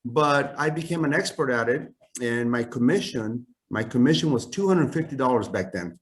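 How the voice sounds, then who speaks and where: A man's voice: mid-range voice, expressive, moderate pace. Chilean-born man telling his story. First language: Spanish. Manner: rambling, many fillers and restarts. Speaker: guest, custom clothing company founder. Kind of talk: casual storytelling interview. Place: video call. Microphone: video call.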